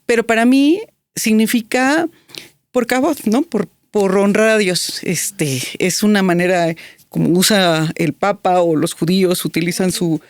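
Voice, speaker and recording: A woman's voice: mid-range voice, a little slow, dry recording. A woman, a guest telling a personal story in an interview, reflective, with many fillers and restarts. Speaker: guest, business strategist.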